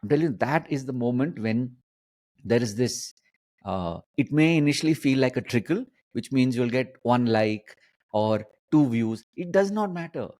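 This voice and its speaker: A man hosting a conversational interview, phrasing things in halting, repeated, emphatic bursts. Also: medium pitch, lively intonation, darkish tone. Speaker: host, coaching mentor.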